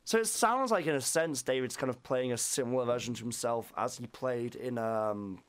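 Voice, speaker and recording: A man's voice: mid-range voice, normal speed, clear, resonant tone. A man with a Hull, East Yorkshire accent co-hosting a radio show, chatting casually and reading entertainment news in a slightly hesitant, conversational way. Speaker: radio co-host.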